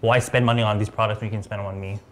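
A man's voice: fairly low pitch, little pitch movement, very fast. A man in his thirties, a makeup artist hosting a beauty livestream, chatting and teasing casually in a studio. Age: 30s. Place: bright studio set.

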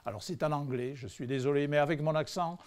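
Brief: French man, public science lecturer, mid-high voice, hesitant and chatty, wry humor. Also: fast talker, darkish tone, clean tone. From France. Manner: conversational, hesitant with frequent fillers; dry humorous asides to the audience. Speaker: physicist giving a public lecture. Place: lecture hall before a live audience.

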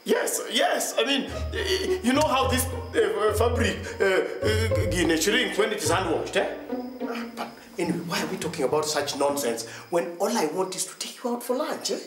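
A smooth-talking Kenyan boyfriend, evasive and easily flustered. His high voice swoops around in an echoey sitcom room. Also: lively intonation, normal speed, a bit bright. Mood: flustered pleading. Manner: flustered, hesitant, often adds "eh". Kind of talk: TV sitcom acting. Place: living room indoors. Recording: echoey room, faint music.

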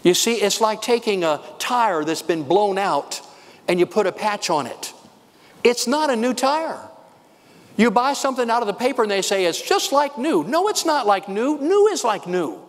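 Excited older man preaching a sermon. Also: high voice, long reverb tail. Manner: excited, fast, emphatic preaching. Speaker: pastor.

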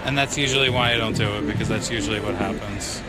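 A man's voice: on the low side, fairly even intonation, fast, poor audio. A man giving casual, explanatory commentary to viewers as he gambles on a slot machine. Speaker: slot machine player and video host. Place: casino floor at a slot machine. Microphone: handheld camera, speaker off screen. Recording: loud casino game music behind voice. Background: loud slot machine music.

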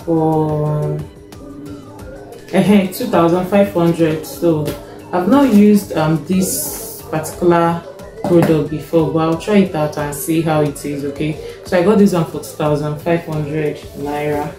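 A young Nigerian woman with a deep voice and a Nigerian accent casually shows off her grocery haul as a vlogger, unhurried, checking a receipt and pausing often with fillers. She's indoors in her home kitchen before a fixed front camera, and the kitchen echoes with faint music behind her.

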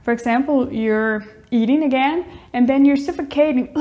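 High-voiced young woman teaching English. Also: moderate pace, dark tone. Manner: cheerful, explains with little demonstrations. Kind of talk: casual teaching with acted demonstrations.

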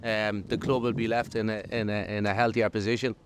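A man's voice: on the low side, flat delivery, fairly quick. A man in his fifties talking in a street interview outside a shop. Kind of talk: street vox pop interview. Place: outdoors at a shop entrance. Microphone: handheld interviewer's microphone. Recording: clear street traffic noise behind.

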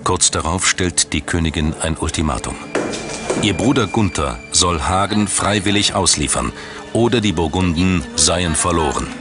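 A scripted documentary is narrated by a man with a low, deep voice. He delivers it in a measured, dramatic style of formal storytelling, with music clearly running beneath.

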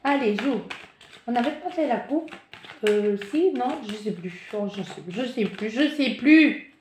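An unhurried, slightly high-voiced tarot reader gives spiritual guidance from a card reading, in an echoey room with a little hiss or hum. She's animated, stops and restarts or searches for words, and voices the listener's panic in asides.

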